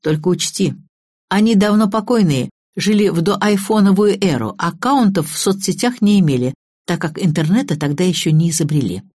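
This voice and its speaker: A woman's voice: on the low side, normal speed, mellow, slightly rough, dry recording, studio quality. A woman reading the part of a chatty, playful male hacker colleague in an audiobook.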